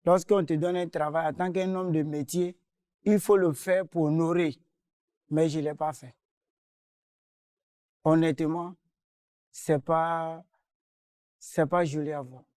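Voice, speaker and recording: A man's voice: a little high, steady tone, slow pace, long pauses, a little mellow, clear, resonant tone, no room sound, studio quality. A man explaining himself hesitantly and apologizing for a debt he has not repaid. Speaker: carpenter in a dispute. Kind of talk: defending himself on a mediation show.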